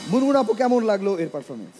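Very high-voiced bangladeshi guy hosting a comedy show, music and crowd loud behind. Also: racing. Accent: Bangladeshi Bengali. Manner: loud, excitable, joking. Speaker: show host. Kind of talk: lively stage hosting. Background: music and studio audience.

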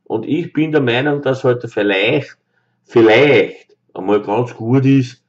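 A man's voice: mid-range voice, slow pace. A man in his thirties with a Viennese accent, giving an emphatic opinion monologue to camera as a football fan, repeating his points with many fillers. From Austria. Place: small room indoors. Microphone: webcam close up. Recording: dull lo-fi webcam audio.

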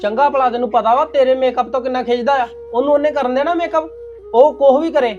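A man playing a fast, scolding young husband. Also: very high-pitched, steady tone, a little mellow. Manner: scolding, rapid, reproachful. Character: stern young husband scolding his new wife. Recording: dull lo-fi sound with music behind.

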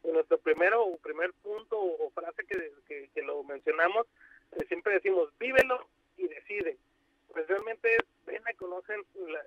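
A man's voice: high-pitched, no room sound. Mexican man on a muffled phone line. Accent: Mexican Spanish. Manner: halting, many restarts and fillers. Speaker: university outreach coordinator, interview guest. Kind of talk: phone interview on radio. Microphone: telephone.

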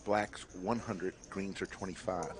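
A man's voice: deep voice, steady tone, unhurried, a crowd in the background. A man commentating on a live poker stream as poker commentator, in short, clipped announcing phrases.

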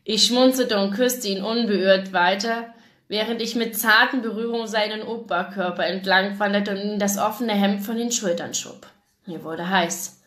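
A woman's voice: medium pitch, normal speed, fairly bright tone. A woman with a German accent giving a live reading of a romance novel, narrating in first person and acting out the dialogue. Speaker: reader of a novel. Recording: echoey room.

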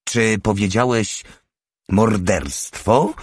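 A man's voice: fairly low pitch, measured pace, no echo, studio quality, pitched above the performer's own voice, natural voice. A man reading a crude, mocking male soldier with a scornful, sneering manner.

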